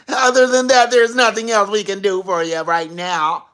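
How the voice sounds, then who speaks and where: A man voicing a cheerful, upbeat woman phone operator in a bright customer-service tone. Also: sits high, level tone, measured pace.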